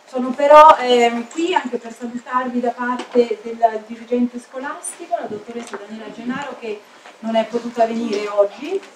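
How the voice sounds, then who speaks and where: A woman's voice: on the high side, moderate pace. Echoey, distant woman giving a welcome speech. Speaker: speaker opening a school show. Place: theatre stage, indoors. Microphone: distant camera microphone. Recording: echoey, distant, noisy hall recording.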